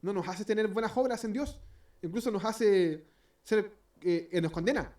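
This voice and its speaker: A man's voice: sits high, moderate pace, a little mellow, far from the mic. A man with a Chilean accent preaching an informal sermon in a church, rambling and hesitant with many restarts, and joking as he acts out little scenes. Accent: Chilean Spanish.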